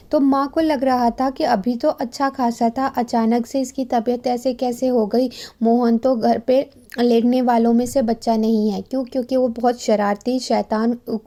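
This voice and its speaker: A woman's voice: on the high side, dark tone. A woman teacher patiently explaining a textbook story, asking questions and answering them herself.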